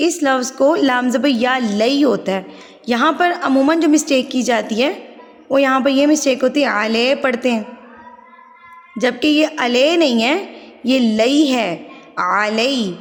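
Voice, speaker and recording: A woman with a Pakistani Urdu accent teaching Quran recitation rules, explaining patiently step by step and drawing recited words out slowly. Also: fairly high pitch, in a large hall. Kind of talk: tajweed lesson with slow chanted recitation.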